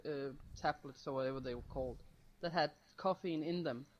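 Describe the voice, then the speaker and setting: A woman's voice: deep voice, fairly quick, dull audio, a little hiss or hum. Giggly woman chatting on a podcast. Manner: giggly, teasing. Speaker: webcomic creator, podcast co-host. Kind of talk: casual podcast chat.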